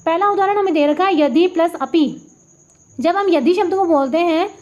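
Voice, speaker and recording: High-voiced woman tutor, patient and step-by-step. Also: darkish tone. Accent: Rajasthani Hindi. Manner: patient, step-by-step, repeats sounds slowly and points at the board. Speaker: Hindi grammar tutor. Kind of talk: classroom lesson explaining examples. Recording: dull lo-fi audio.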